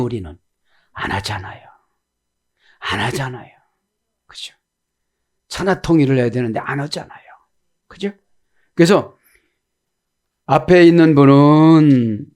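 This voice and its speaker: A male pastor preaching an expository sermon, constantly asking his listeners rhetorical questions and acting out the quotes he reads. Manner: acts out the biblical quotes with shifts in pitch.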